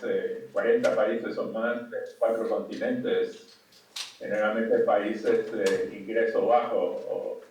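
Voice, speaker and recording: An older man from Cuba giving a conference talk over a video call, halting with many fillers and restarts. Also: lowish voice, a little mellow. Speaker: conference speaker. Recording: distant, dull, echoey call audio.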